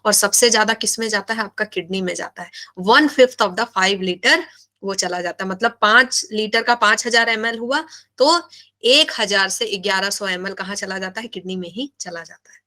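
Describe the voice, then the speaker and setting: A woman's voice: medium pitch, normal speed, sharp tone. A woman teaching a biology class in Hindi-English, asking questions and repeating key terms. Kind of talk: live online class lecture.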